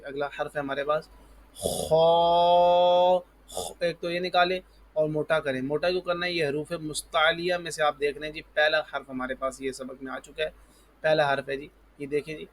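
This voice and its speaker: A man teaching the alphabet for Quran reading, calling out each letter slowly and loudly, then explaining calmly and patiently. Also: a little high. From Pakistan. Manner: patient, repeats "ji" and "parh lijiye". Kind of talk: alphabet lesson.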